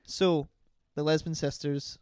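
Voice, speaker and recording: Young man with a fairly high, smooth voice. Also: level tone, unhurried, darkish tone, no room sound, clean studio sound. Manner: rambling, goes off on tangents, self-deprecating. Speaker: podcast co-host. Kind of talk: casual chat.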